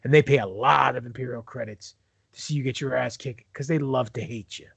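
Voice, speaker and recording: A man's voice: mid-range voice, a little fast, gravelly, fairly bright tone, husky, no echo. A man hosting a casual fan podcast, introducing segments in a playful, showman-like way. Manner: playful, showman-like, explaining wrestling lingo. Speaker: podcast host. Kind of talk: casual chat.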